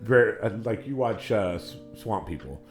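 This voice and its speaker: Man from Kansas, casual podcast co-host. Slightly low voice, hesitant and filler-heavy, music playing underneath. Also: expressive. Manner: halting, searches for words, lots of fillers. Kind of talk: casual chat.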